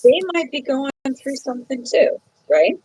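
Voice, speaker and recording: A woman hosting a psychic podcast, giving a frank, emphatic reading to a caller and scolding him gently. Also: high-pitched, very animated, moderate pace, husky, no room sound, low-quality recording. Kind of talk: casual live call-in reading. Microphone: phone app recording.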